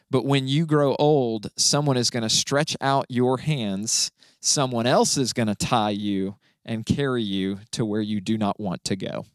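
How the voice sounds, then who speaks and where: A man, a pastor, explaining a Bible passage in a relaxed conversational way, often checking in with "right?". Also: medium pitch, no room sound. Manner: explanatory, frequent "right?" and fillers.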